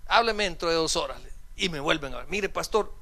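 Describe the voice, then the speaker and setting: A man's voice: on the high side, expressive, fairly quick, bright, forceful tone. A male pastor preaching a sermon in a church, telling humorous stories and acting out the dialogue. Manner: humorous storytelling, acts out dialogue. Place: church sanctuary.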